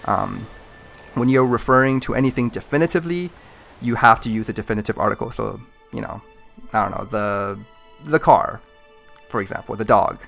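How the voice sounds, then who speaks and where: Gravelly low-voiced man chatting casually. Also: normal speed, fairly bright tone, soft background music. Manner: rambling, chatty, with frequent fillers and chuckles. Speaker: gaming channel host. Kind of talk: casual chat over gameplay.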